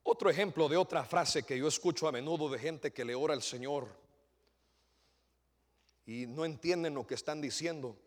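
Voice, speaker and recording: A man preaching a sermon as pastor in a church, swinging between shouted peaks and hushed low passages. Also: normal speed, pauses often, big-room sound.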